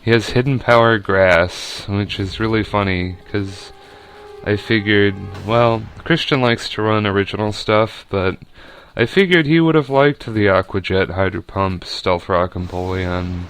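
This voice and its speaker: A man's voice: on the low side, measured pace, fairly bright tone, slight background noise. A young man giving casual, rambling commentary over a video game battle, with lots of fillers and restarts.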